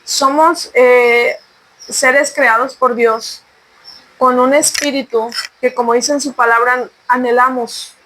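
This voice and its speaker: High-pitched woman, earnest testimony-style talk, exhorts the listener. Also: steady tone, slow pace, a bit bright, slight background noise, rough recording. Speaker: podcast co-host sharing testimony. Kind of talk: conversational faith testimony.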